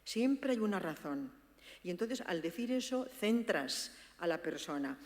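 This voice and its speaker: A woman gives a lively teaching talk to an audience, acting out sample dialogues and speaking to her listeners directly. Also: on the low side, unhurried. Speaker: speaker presenting a book on active listening. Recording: long reverb of a hall.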